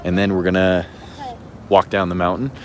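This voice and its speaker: Male travel vlogger, deep voice, casual rambling delivery, recorded outdoors. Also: normal speed, background noise. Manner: relaxed, chatty, says "you know" and "like" a lot. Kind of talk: casual travel vlog narration. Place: outdoors on a hilltop city viewpoint.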